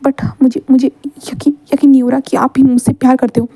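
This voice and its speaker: A woman voicing a young male student in a fan story read aloud. The student pleads softly and hesitantly, often repeating words. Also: sits high, level tone, a little fast, no echo. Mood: disbelieving.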